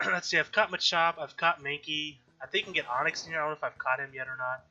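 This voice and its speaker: A man with a slightly high voice speaks at a quick pace in a steady, bright and forceful tone, casually chatting through his game as host of a let's-play. Allergies make him sound stuffy and a little nasal, and he repeatedly corrects himself and clears his throat in his chatty way. The audio is lo-fi and dull with faint background music.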